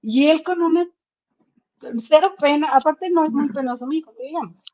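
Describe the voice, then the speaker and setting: A woman talks with her book club, moving between telling an earnest personal story and reading a passage aloud. Her voice sits somewhat high and keeps breaking into fillers and restarts. The sound is dull and lo-fi, like a video call. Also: a little fast. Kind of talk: casual chat and reading aloud.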